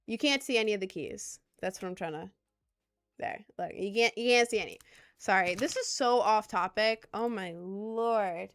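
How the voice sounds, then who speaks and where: Faint music sits behind this young Maryland content creator as she talks casually with her livestream viewers, rambling and making fun of herself. Her mid-range voice is clear, resonant, and a bit bright, at a normal speed. She's in her twenties, with a light Southern accent that mixes in New York.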